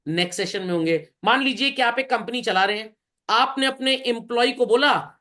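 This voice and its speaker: Speaking a little fast in a very high-pitched, sharp voice, a man explains accounts to a class. He asks and answers his own questions in a blend of Hindi and English, calling his listeners bhai and children.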